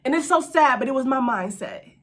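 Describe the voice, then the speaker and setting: A woman's voice: sits high, lively intonation, brisk, fairly bright tone. A young adult woman hosting her own channel, telling a personal faith testimony in an earnest, conversational way, speaking to viewers directly as y'all. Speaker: host.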